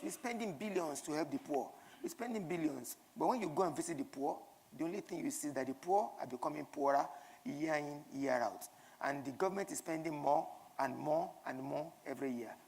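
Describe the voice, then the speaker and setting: A woman's voice: low-pitched, darkish tone, long reverb tail. A woman with a Nigerian accent giving a keynote speech in front of an audience, emphatic, with rhetorical questions and repetition. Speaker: keynote speaker.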